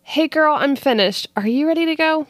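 A woman's voice: high voice, animated, normal speed, no room sound, clean studio sound, pitched above the performer's own voice. A woman voicing a salty young female restaurant server in a casual podcast audio drama, blunt and swearing.

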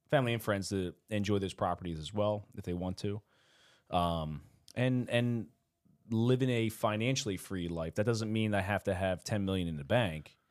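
A man in his thirties talks in a relaxed, rambling way on a casual podcast. His voice sits on the low side, and he laughs often between thoughts. He swears easily and backtracks mid-sentence. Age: 30s. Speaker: podcast co-host. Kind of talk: casual chat.

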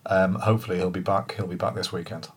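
Male pundit, deep-ish husky voice, short low-key answers. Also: fairly even intonation, quick pace. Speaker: football pundit. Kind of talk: casual football chat.

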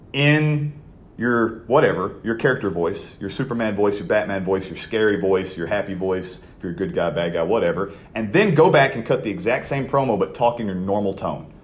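A young man hosting a podcast, talking in a casual, conversational way with many fillers and restarts. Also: mid-range voice. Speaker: podcast host.

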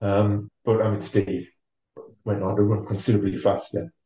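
A man with a low, mellow voice and level tone, a former marathon runner from North East England, tells a long story as an interview guest. His relaxed, measured storytelling is full of ums and restarts. He sits far from the mic, giving a dull, roomy sound.

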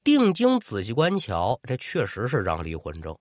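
A man's voice: fairly low pitch, wildly swooping pitch, normal speed, dry recording, studio quality. A man telling a ghost tale in a colloquial, rhythmic storytelling patter. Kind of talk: traditional oral storytelling narration.

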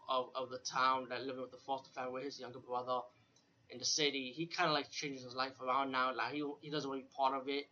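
A man's voice: medium pitch, pushed and bright, slight background noise. A man giving a casual, rambling, unscripted video review as host, informal and repetitive, with some swearing. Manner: informal, profane, repeats himself and often adds "you know". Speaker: host of a horror film retrospective review. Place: room with a fan or air conditioning running. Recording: dull lo-fi, air conditioner fan running nearby.

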